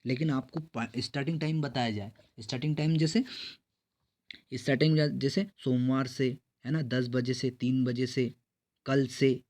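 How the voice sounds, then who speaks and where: In a steady, mid-range voice with a touch of mellowness, this man walks through a grammar lesson for exam preparation. He asks his own questions, supplies the answers, and reads out the English quiz sentences at a slow, clear pace.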